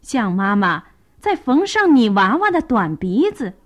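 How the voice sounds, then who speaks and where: A woman's voice: on the high side, very animated, measured pace. A woman voicing a bumbling, dizzy male bear doctor in a children's story. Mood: bossy.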